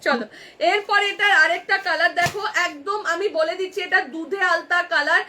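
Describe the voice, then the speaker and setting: A woman's voice: very high voice, normal speed, pushed and bright, a little hiss or hum. A woman with a Kolkata Bengali accent selling clothes on a live stream from a shop, chatty and talking straight to viewers. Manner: chatty, addresses viewers directly, counts off sizes. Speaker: online clothing seller. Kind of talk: live-stream sales pitch. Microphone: phone camera.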